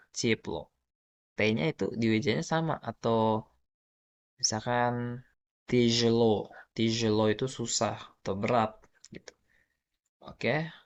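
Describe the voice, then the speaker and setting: A man's voice: mid-range voice, no room sound. A man with an Indonesian accent giving a casual spoken lesson, explaining patiently with lots of example words. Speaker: language teacher.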